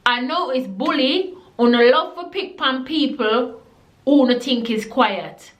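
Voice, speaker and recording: A young Jamaican woman living in the UK films a storytime vlog, speaking bluntly and emphatically to camera and slipping into patois. Her high-pitched voice is animated yet measured in pace, and the room sounds echoey.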